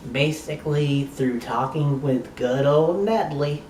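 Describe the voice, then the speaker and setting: A man's voice: on the high side, slow, a little mellow, roomy sound, recorded from a distance, a little hiss or hum, rough recording. A man giving a casual, rambling, enthusiastic review of a TV episode, swearing now and then.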